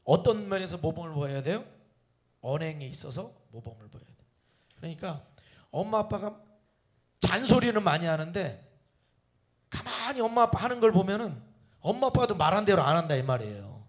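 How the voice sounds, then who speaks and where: A man preaching to his congregation in a high voice that swings up and down a lot. He keeps asking the listeners questions. He slips into voices for parents and children in everyday family scenes. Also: expressive, brisk. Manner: addresses the congregation with rhetorical questions; acts out family dialogues in changing voices. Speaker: pastor. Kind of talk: sermon at an evening prayer meeting.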